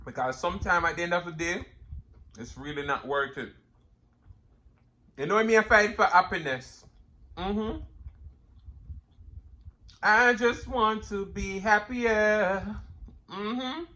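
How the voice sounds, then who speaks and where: Jamaican male mukbang vlogger, high bright voice, emphatic life advice between bites of crunchy fried chicken. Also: slow pace, pauses often. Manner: eating crunchy fried chicken between phrases, with murmured mms; emphatic, repeating phrases, preacherly encouragement. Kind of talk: casual motivational talk to viewers.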